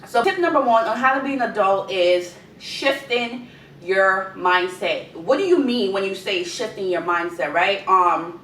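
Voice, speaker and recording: A woman's voice: lively intonation, measured pace, a bit bright. A young adult woman with a Guyanese accent giving informal life advice in a conversational way, repeating key words for emphasis. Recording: echoey room, distant mic, rumbling noise.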